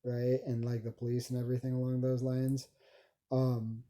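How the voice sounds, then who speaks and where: A man talks into his camera in a rambling vlog and keeps stumbling over words. His voice is very dark and mellow. He keeps his pitch flat and fills every gap with ums. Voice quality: halting speech with many stumbles and restarts. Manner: rambling, heavy filler words. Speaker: vlogger. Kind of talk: casual self-recorded monologue.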